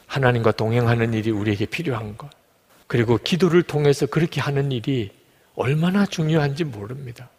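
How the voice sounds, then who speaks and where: A man's voice: medium pitch, animated, fairly quick, darkish tone, slightly rough, long reverb tail. A male pastor preaching a sermon in a church, emphatic and full of rhetorical questions.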